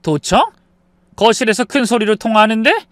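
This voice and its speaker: A man voicing an indignant older mother-in-law in a story, protesting in sharp outbursts. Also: high voice, big pitch swings, normal speed, dry recording, pitched above the performer's own voice. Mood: outraged.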